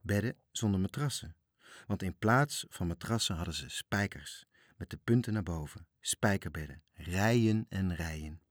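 A man narrates a children's story with a low voice and lively expression. The recording is close and dry, with no room sound. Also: moderate pace, dry recording.

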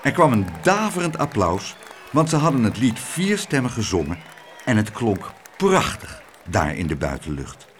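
A man narrating a children's book aloud in a lively, expressive storytelling manner. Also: mid-range voice, normal speed, faint music behind, a faint crowd. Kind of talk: audiobook reading of a children's story.

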